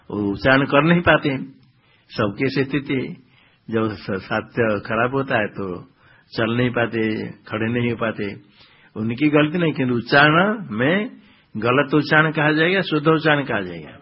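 A man's voice: mid-range voice, breathy edge. A man, a swami, teaching the Bhagavad Gita, explaining grammar and pronunciation and quizzing his listeners before answering his own questions. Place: ashram hall. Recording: dull lo-fi lecture recording.

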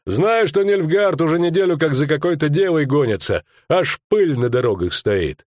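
Man voicing a mocking mercenary, coarse rural talk, raised pitch, dry close sound. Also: expressive, normal speed, darkish tone, no room sound, close to an everyday voice. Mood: scornful. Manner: mocking, coarse folksy speech.

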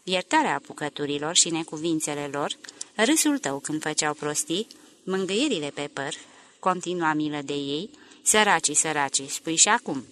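Woman reading as reserved grown man, reproachful, measured, low voice, faint background hiss. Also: expressive, fairly bright tone.

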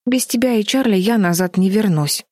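A woman's voice: medium pitch, normal speed, darkish tone, no echo, clean studio sound, pitched above the performer's own voice, natural voice. A woman voicing a determined, stubborn girl who insists in an urgent voice, in a storybook reading. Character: girl, protective older sister, determined and stubborn.

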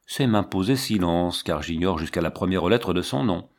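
A man's voice: deep voice, expressive, moderate pace, darkish tone, pitched below the performer's own voice. A man reading the part of a stiff military count who speaks brusquely and coldly, in a storybook. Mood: curt. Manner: brusque, clipped. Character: stiff, curt military count, cold and stern.

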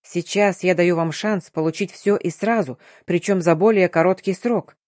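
A woman with a fairly low, darkish voice reads an audiobook at normal speed, voicing a stern, domineering and sly male curator who speaks in a curt, commanding way. Her tone is stern and mocking. The recording is clean studio sound with no room sound, and her voice is close to an everyday one.

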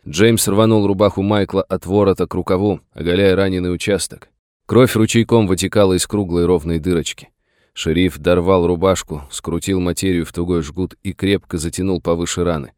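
A man narrating an adventure novel in a measured storytelling manner. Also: deep voice, steady tone, a little mellow, clean tone, no echo, studio quality. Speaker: audiobook narrator. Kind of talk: scripted narration.

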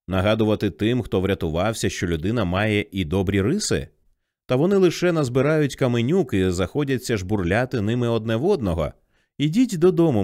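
A weary old scholar lectures with bitter regret, as a man reads him in an audiobook. The voice is low and swings widely in pitch, recorded dry and close. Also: a little mellow, no echo. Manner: lecturing, rueful.

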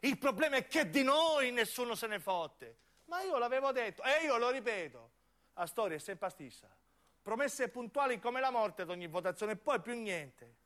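With a very high voice and a sharp tone, a man speaking in a southern Italian accent delivers a dramatic radio monologue as a narrating actor. He is impassioned and emphatic, returning to the same phrases again and again.

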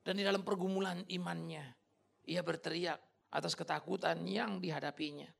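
A pastor delivers a dramatic, colloquial sermon, moving from hushed tones to shouting as he addresses the congregation directly. His voice is high with fairly even intonation, normal speed, and vocal fry.

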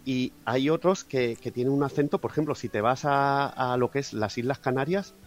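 A man's voice: medium pitch, moderate pace. A man from Catalonia with a fairly neutral Spanish accent, chatting as a podcast guest, often restarting his phrases. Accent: fairly neutral Spanish from Spain. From Catalonia, Spain. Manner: chatty, with frequent restarts and fillers. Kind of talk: casual podcast interview.

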